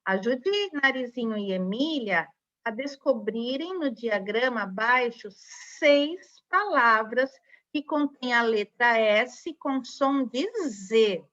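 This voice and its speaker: A primary school teacher with a Brazilian Portuguese accent is recording an online lesson for young children, her voice fairly high, animated and slow, with a fairly bright tone. She is patient, spells out syllables and keeps adding tag questions. The recording sounds dull and lo-fi.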